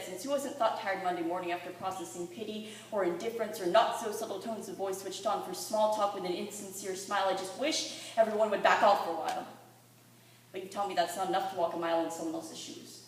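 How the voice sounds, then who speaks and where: A teenage girl of fifteen or sixteen performs spoken-word poetry in a library room before a live audience, her delivery earnest, dramatic and rhythmic. Her mid-range voice moves fast with fairly even intonation. The room is very echoey, the mic sits at a distance, and there's faint noise.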